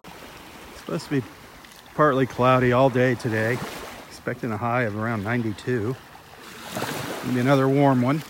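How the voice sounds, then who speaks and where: A man giving relaxed, unhurried commentary while walking a beach, filmed on a handheld phone outdoors. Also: medium pitch. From Florida, USA. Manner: easygoing, unhurried remarks between pauses. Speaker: beach walk host. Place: outdoors on a sandy beach by the water. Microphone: handheld phone, filming while walking. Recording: outdoor wind and surf noise.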